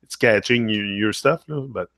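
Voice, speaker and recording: This livestream host is a Québécois man speaking at a moderate pace in a lowish, slightly bright voice, recorded without echo. He reads viewer comments casually, flipping between French and English partway through thoughts and dropping "là" onto his phrases.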